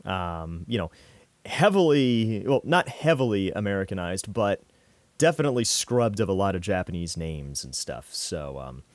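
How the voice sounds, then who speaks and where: A man's voice: low voice, big pitch swings, moderate pace, dry recording. A middle-aged man hosting a casual podcast, conversational and joking, feeling his way through his sentences. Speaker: podcast host.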